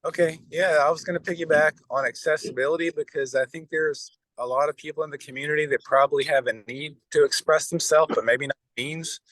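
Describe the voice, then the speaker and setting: A man's voice: fairly high pitch, fairly even intonation, brisk, hardly any pauses, a bit bright, no echo, rough recording. A man speaking plainly and appreciatively in a community group meeting. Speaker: community arts meeting participant. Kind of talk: casual sharing in a group meeting.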